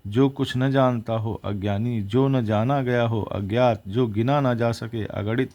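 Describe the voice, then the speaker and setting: A man's voice: mid-range voice, steady tone, a little slow, darkish tone. A man teaching exam vocabulary, reciting words and their opposites one after another and correcting himself as he goes.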